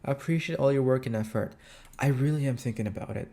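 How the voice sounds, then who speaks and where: A mellow, mid-range male voice from the Philippines, an ASMR voice actor and creator with a Filipino accent, chats quickly and candidly with listeners. He answers their questions informally, dropping the odd swear word, while music plays behind him.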